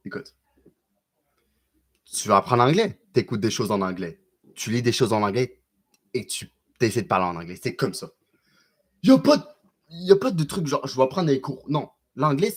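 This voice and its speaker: A man with a Québécois accent chatting casually on a live stream and answering viewers, loose and slangy with lots of quick restarts. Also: medium pitch. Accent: Québécois French.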